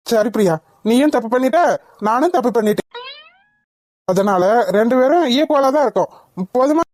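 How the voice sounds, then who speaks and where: A woman's voice: fairly high pitch, lively intonation, moderate pace, darkish tone, dry recording, close to an everyday voice. A woman voicing a flustered young cartoon husband. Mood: defensive. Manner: flustered, muttering to himself. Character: young husband, bumbling and pleading. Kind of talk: cartoon voice acting.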